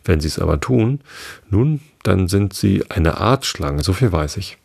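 A gravelly man reading a scolding mother pigeon. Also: sits low, animated, measured pace, darkish tone, no room sound, studio quality, full character voice. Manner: scolding, complaining, contemptuous. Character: shrill, suspicious female pigeon guarding her eggs. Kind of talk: audiobook reading of a classic tale.

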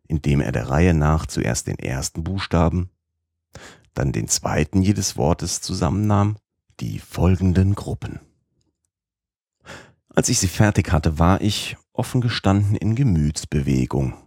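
A man reading a classic novel aloud as first-person audiobook narrator, in a measured, literary storytelling manner. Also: rumbling low, gravelly, a little mellow, slightly rough, no room sound, studio quality.

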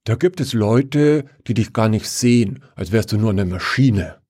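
A man reading the lines of a big, gentle young man who talks slowly and calmly. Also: lowish voice. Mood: flat.

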